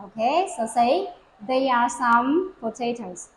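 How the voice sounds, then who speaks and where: High-voiced woman examiner, echoey room. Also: animated, takes it slowly, a little hiss or hum. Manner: patient, prompting, models full sentences for repetition. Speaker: English speaking-test examiner. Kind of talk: questioning a young learner in a speaking test.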